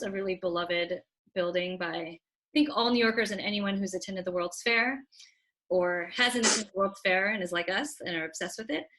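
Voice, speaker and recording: This woman has a bright, forward voice set at an ordinary pitch. She hosts an online talk over a video call in a chatty, upbeat way, announcing events and reading out audience comments. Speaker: webinar host. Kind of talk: casual hosting of an online talk.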